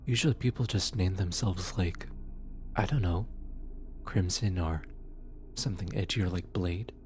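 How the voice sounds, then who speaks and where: An ASMR roleplay has a deep-voiced man as a kind but clumsy soul-collecting demon, friendly and a little awkward. His speech is quiet, tender and casual, hesitating and halting as he tries to comfort the listener.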